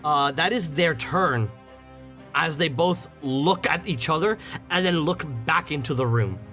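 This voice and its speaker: A man's voice: fairly high pitch, measured pace, fairly bright tone. A man narrating a tabletop game as game master, setting scenes dramatically. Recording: music behind the voice.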